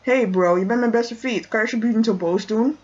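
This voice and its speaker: A woman voicing a clueless, laid-back teenage boy in a toy-figure film, with a husky voice. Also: on the high side, a little fast, a little mellow, highs cut off, close to an everyday voice. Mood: oblivious. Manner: laid-back, oblivious, careless. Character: clueless teen boy who calls everyone bro.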